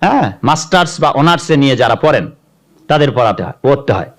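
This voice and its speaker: A man, a sadhu, telling a devotional story in a sermon, animated and checking in with his listeners. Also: medium pitch, quick pace.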